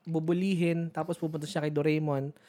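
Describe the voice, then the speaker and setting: A man's voice: on the high side, little pitch movement, fairly quick, dark tone. A young man co-hosting a podcast, chatting casually and laughing often as he reminisces. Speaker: podcast co-host. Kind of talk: casual chat.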